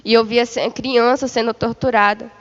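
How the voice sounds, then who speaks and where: A woman's voice: on the high side, fairly even intonation, normal speed, long reverb tail, muffled recording. A woman giving a religious testimony of a vision, retelling it in a repetitive way and calling her listeners beloved. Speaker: church member giving testimony.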